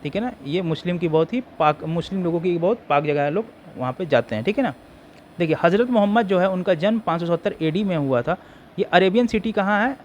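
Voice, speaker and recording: Indian guy teaching exam prep, kinda high voice, sore throat, lots of fillers, faint hiss behind. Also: animated, darkish tone. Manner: reads English slowly, explains in Hindi with many fillers. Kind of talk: Hindi lecture reading quiz questions in English.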